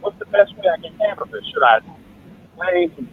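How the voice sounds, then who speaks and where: A man's voice: high voice, wildly swooping pitch, normal speed, creaky, husky. A man calling in to a live show, speaking casually over a tinny phone line as he asks for advice. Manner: casual, plain-spoken, asking for advice. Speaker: caller. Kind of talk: call-in question to a live show.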